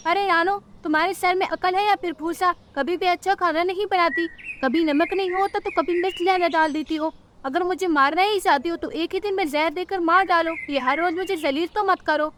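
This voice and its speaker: A woman's voice: very high voice, a little fast, slight background noise, pitched above the performer's own voice. Woman doing a grumpy old mother-in-law bird. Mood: scolding. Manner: scolding, complaining, sharp-tongued. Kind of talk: cartoon storybook voice acting.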